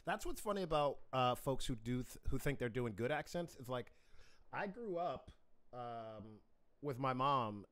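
A man's voice: mid-range voice, expressive, unhurried, fairly bright tone. A man hosting a casual interview, joking and teasing his guest and laughing often. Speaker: host.

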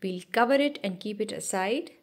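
A cooking channel host narrates a cooking video as a voice-over, giving steady step-by-step instructions with small restarts. Her voice is mid-range and moderately paced.

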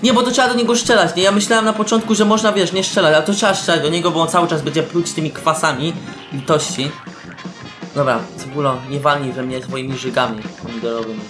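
A young man giving excitable let's-play commentary, shouting, laughing and tossing in English slang. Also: on the high side, fast talker. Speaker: gameplay commentator. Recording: roomy echo with faint game music.

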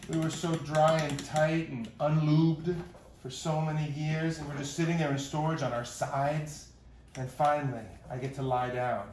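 Wistful old synth knobs, voiced by a man, slow and whiny, roomy. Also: on the high side, flat delivery, a little mellow, distant mic, a little hiss or hum, lightly acted. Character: relieved old synth knobs, long neglected.

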